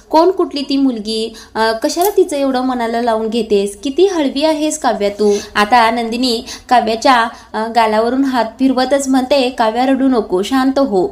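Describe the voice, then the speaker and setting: High-voiced woman recapping a serial. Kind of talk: retelling a TV serial episode.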